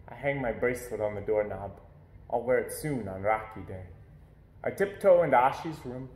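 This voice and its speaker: A man reads a children's picture book aloud, telling the story expressively. His voice is medium in pitch, and the recording has noticeable reverb.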